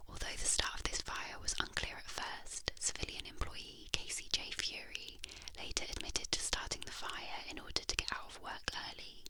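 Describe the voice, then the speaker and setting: Someone whispering closely, right in the listener's ear, reading facts in a measured ASMR style into a binaural microphone. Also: low-quality recording. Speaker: ASMR narrator.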